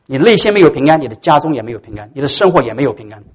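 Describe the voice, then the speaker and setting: A man preaching a sermon as pastor. He is emphatic and swings from loud peaks to soft asides. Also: medium pitch, sing-song, very fast.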